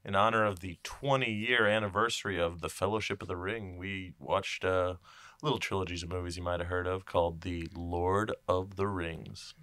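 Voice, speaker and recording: A man's voice: deep voice, steady tone, moderate pace, pushed and bright, no echo. A young adult man co-hosting a podcast in casual chat, making joking asides. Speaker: podcast co-host.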